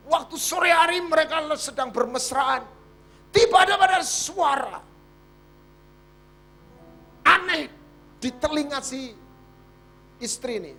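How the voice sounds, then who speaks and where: High lively preacher with an East Javanese accent. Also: male voice. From Madiun, East Java, Indonesia. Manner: animated, jokey, asks the congregation questions. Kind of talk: storytelling sermon.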